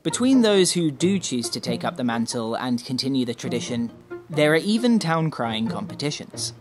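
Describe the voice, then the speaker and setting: A man's voice: medium pitch, sing-song, moderate pace. A man reading scripted narration for a feature report as its reporter. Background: music.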